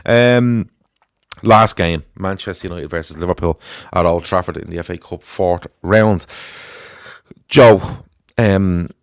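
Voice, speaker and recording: A low-pitched man with a Dublin accent hosts a casual sports panel. His delivery is conversational and wandering. The sound is dry, with very little room on it. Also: no echo. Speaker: football show host.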